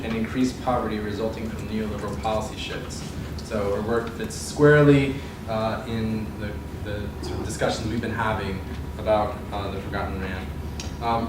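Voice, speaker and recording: A man's voice: mid-range voice, background noise. A man hosting a lecture series, reading a guest introduction hesitantly, with many ums. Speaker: series host introducing a speaker. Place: lecture room. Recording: echoey room from far off.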